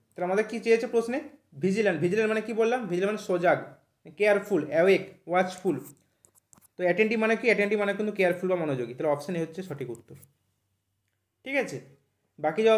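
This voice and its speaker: A man's voice: high voice, echoey room. A man teaching English vocabulary for an exam, often checking "right?" and spelling words out letter by letter. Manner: repeats "thik ache?" after nearly every point, spells words out slowly. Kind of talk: online vocabulary lesson.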